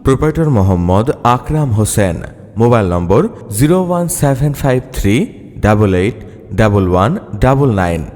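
A man delivering an emphatic promotional sales announcement that sounds as if it is played over a PA loudspeaker. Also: animated, a little fast. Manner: emphatic, declaiming sales pitch. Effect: echoing announcement as if over a PA loudspeaker. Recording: long hall reverb.

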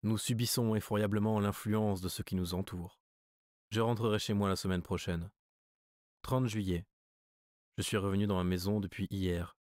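A man reading a literary story as an audiobook narrator, measured and even. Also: fairly low pitch, no room sound, clean studio sound. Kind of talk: scripted narration.

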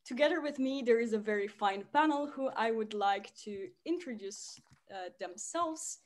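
A woman's voice: on the high side, expressive. Romanian woman chairing a debate. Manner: friendly, measured, with fillers. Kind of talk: formal introductions over video call. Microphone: video call.

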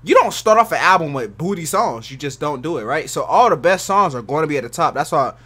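A man's voice: fairly high pitch, lively intonation, fast talker, sharp tone. A man casually commentating for his viewers in a slangy, rambling way. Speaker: reaction video host.

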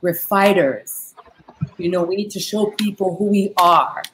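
A woman's voice: mid-range voice, a little slow, a bit bright, a little hiss or hum, rough recording. A woman from a Haitian family in New York, speaking earnestly on a video call with many fillers. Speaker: panelist, dancer. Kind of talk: casual panel chat on video call. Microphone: laptop mic on video call.

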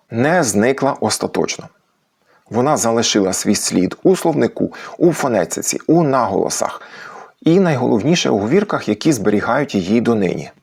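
A man hosting a language channel, patiently explaining language history and slowing down to stress each example word. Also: mid-range voice, vocal fry, darkish tone, breathy edge. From Ukraine. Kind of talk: educational talk on language history.

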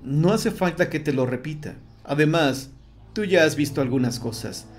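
A man voicing a bald male cult leader who speaks in a soft, calm, falsely warm way in an audiobook story. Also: a little high, moderate pace, faint music behind, lightly acted. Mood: feigned calm.

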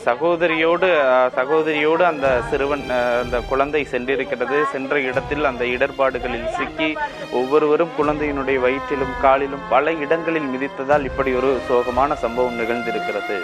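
A man reporting live as a field news reporter in formal language, halting and repeating his phrases. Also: mid-range voice, steady tone, loud music behind the voice.

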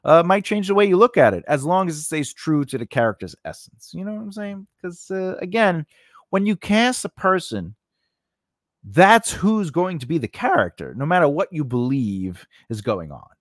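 This screenwriting teacher, a man in his forties, has a fairly high voice with big pitch swings and talks at normal speed. His informal lesson rambles conversationally with plenty of "you know" and "right?" He records close on a boom-arm large condenser microphone in a small home studio, with no room sound.

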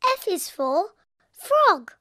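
A woman voicing a cheerful little girl piglet in a cartoon, bubbly and giggly with crisp British diction. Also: extremely high pitch, big pitch swings, extremely slow, sharp tone, dry recording, studio quality, heavily acted. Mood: playful. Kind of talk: cartoon voice acting. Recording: cartoon soundtrack with music behind.

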